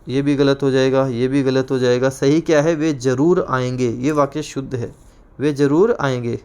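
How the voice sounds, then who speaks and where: A man's voice: medium pitch, darkish tone. A man teaching an exam-prep grammar class, repeating words over and over and giving frequent reminders. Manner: repetitive, drilling words again and again.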